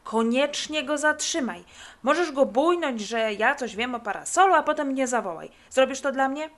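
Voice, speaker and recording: A woman's voice: sits high, lively intonation, normal speed, pitched above the performer's own voice. A woman voicing an eager, bossy boy detective who questions insistently.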